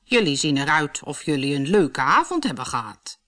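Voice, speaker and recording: A woman voicing a bossy male mole who runs a lift, calling out loudly. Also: low voice, very animated, normal speed, voice pushed down. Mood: amused.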